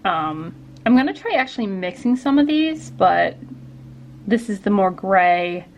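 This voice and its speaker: A woman's voice: mid-range voice, sing-song, measured pace, a little hiss or hum. A woman artist hosting a casual studio vlog, talking while she paints, rambling with lots of fillers and restarts. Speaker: artist and vlogger. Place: home art studio.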